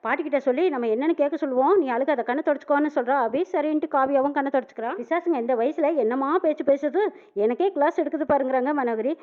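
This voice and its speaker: A woman retelling a TV serial episode, quickly voicing each character's lines and tagging who said them. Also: sits high. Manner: rapid retelling with reported-speech tags. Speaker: serial recap narrator. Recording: tinny phone-like audio.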